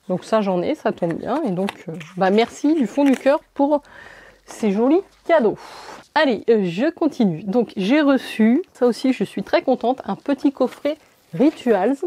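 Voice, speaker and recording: A woman's voice: on the high side, mellow. A woman chatting casually as a beauty vlogger, showing off her gifts with enthusiasm and lots of small fillers. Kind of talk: casual product haul chat.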